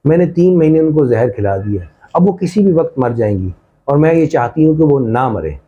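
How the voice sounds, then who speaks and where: A man's voice: on the high side, lively intonation, brisk, mellow, slightly rough. A man voicing an earnest young married daughter who speaks plainly and pleadingly, on slightly dull lo-fi audio. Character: young married daughter, once quarrelsome, now apologetic.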